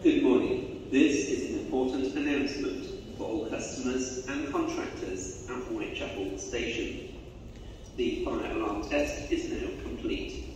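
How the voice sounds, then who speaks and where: A man making formal, measured announcements heard through station loudspeakers in an underground railway station. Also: medium pitch. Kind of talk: public address announcement. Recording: echoey loudspeaker heard from far off with background noise.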